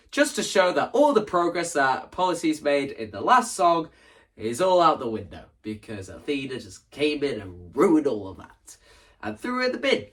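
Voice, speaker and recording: A video creator with a mid-range, fairly bright voice presents his own stage play. In this explanatory vlog he discusses his creative ideas casually and with enthusiasm, emphatic and frequently repeating phrases for emphasis.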